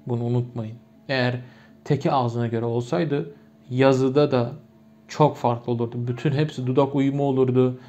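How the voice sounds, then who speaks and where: A native Turkmen-speaking man from Turkmenistan, with a Turkmen accent, teaches a language lesson, patiently explaining grammar through many repeated examples. His medium-pitched voice is mellow, with fairly even intonation and a moderate pace. The recording is muffled and lo-fi.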